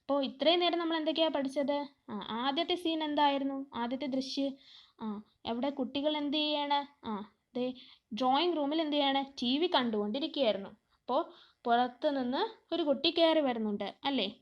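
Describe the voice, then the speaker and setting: A woman with a high voice teaches a class, slowing down to read a line and then quizzing herself on it. She asks a question and answers it right away. The recording is dull and lo-fi. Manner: reads slowly, then explains line by line. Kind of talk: classroom lesson explaining a play.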